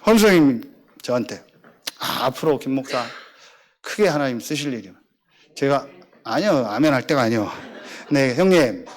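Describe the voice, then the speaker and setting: A man's voice: moderate pace, pauses often. A middle-aged male pastor, preaching a sermon and acting out the voices in his stories. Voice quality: animated storytelling, acting out dialogue in lower voice.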